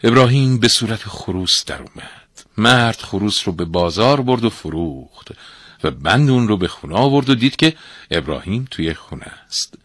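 Male folktale narrator, low husky voice, lively, dry close sound. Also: no echo. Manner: animated, expressive storytelling. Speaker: storyteller.

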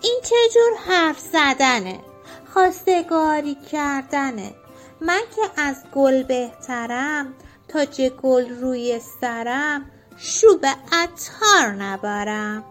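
A vain young cockroach lady from a children's storybook, high and lilting, as a woman puts her on. She talks in a haughty, singsong way, pitched well above a grown woman's usual voice, with soft music behind. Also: lively intonation. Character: prim vain female cockroach, young bride-to-be.

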